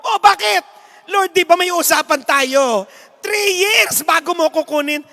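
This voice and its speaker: A man voicing a cheeky, stubborn ninety-year-old woman who pleads and then shouts indignantly, in an echoey hall. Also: very high voice, a little slow, vocal fry, pitched above the performer's own voice, exaggerated voice.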